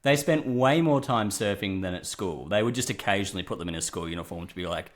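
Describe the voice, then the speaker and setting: A young man from Australia co-hosting a casual chat show, chatty and quick to laugh, jumping from story to story. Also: sits low. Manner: chatty, laughs often, jumps between stories. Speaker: podcast co-host.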